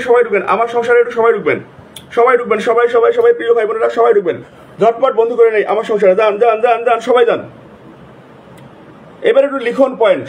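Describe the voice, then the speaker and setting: A man hosting a live stream, repeatedly calling out viewers' names in rapid, repetitive bursts. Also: very high-pitched, slightly rough. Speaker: livestream host. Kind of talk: casual live-stream shout-outs.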